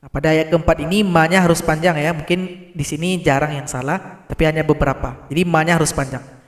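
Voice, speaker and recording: Man teaching tajweed, high voice, slow measured delivery, echoing room. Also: steady tone. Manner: explains slowly, then recites verses in drawn-out chant. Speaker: Quran recitation teacher. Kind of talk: tajweed lesson with recited examples.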